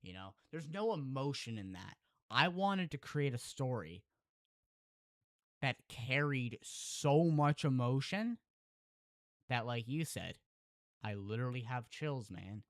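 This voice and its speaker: A man's voice: medium pitch, sing-song, no room sound, clean studio sound. A man, a Minecraft YouTuber, earnestly telling an emotional story and then chatting casually with his viewers. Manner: earnest, heartfelt, slows down and softens at emotional moments; addresses the audience directly as "chat", with fillers and restarts.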